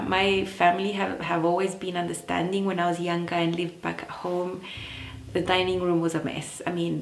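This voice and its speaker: A woman's voice: fairly low pitch, a little hiss or hum. A woman from Chile, a sewing vlogger chatting casually to camera and laughing often between points. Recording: echoey room.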